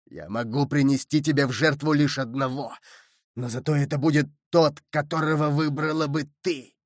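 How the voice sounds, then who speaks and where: A man's voice: a little high, steady tone, normal speed, no echo, studio quality, lightly acted. A man voicing a desperate young male villain drowning and pleading for help, with breaking cries. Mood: vengeful.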